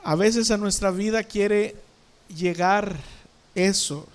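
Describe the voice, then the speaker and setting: A man's voice: high voice, takes it slowly, noisy background. A male pastor, preaching a sermon in church, asking the congregation questions and acting out scenes with sound words.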